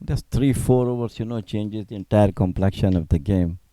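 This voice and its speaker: A man's voice: on the low side, moderate pace, warm tone. A man working as a cricket co-commentator, giving conversational expert analysis in emphatic, agreeable, simply phrased non-native English.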